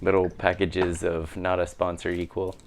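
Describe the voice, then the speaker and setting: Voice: sits low, flat delivery, normal speed, background noise. A participant at a tabletop game, chatting casually. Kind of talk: casual chat.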